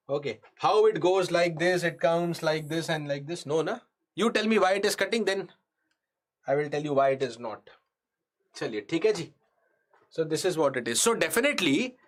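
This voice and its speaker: A man with a North Indian accent lecturing in a live online class, repeating key phrases, putting questions to students and slipping Hindi into his English. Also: on the high side. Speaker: engineering exam lecturer. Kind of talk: live online lesson, explaining step by step.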